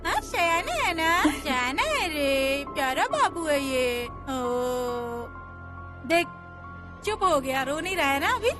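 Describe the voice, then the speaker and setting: An actress playing a baby's aunt in a TV serial who coaxes and coos to a crying infant, with background music playing. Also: female voice, high-pitched, sing-song, slow pace, long pauses, heavily acted. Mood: coaxing. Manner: coaxing, cooing to a baby. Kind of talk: TV serial acting.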